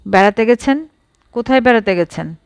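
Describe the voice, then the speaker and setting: A woman's voice: a little high, expressive, fairly quick, clear, resonant tone, dry recording, clean studio sound. A woman voicing a curious young schoolteacher who pries with light amusement, in a storybook reading. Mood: prying.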